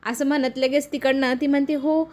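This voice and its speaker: A woman briskly retelling a TV serial episode as a story, slipping into the characters' quoted lines as she goes. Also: high voice, steady tone. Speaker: serial recap narrator.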